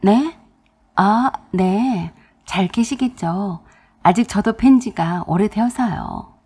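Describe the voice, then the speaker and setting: A woman's voice: medium pitch, slow, darkish tone, slightly rough. A woman narrating a radio drama as a daughter-in-law, telling her story expressively.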